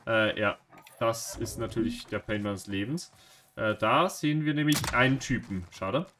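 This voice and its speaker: A man giving live gameplay commentary, jumpy and anxious, swearing and mocking himself, swinging from low mutters to sudden shouts. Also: normal speed, a little hiss or hum. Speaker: gaming streamer.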